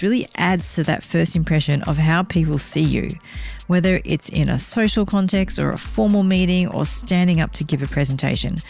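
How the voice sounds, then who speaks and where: A low-pitched woman talks through a solo podcast episode, giving advice in a clear, measured coaching manner. Her voice has a gravelly edge of vocal fry. Soft music plays faintly beneath her. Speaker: podcast host. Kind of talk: solo podcast monologue giving speaking tips.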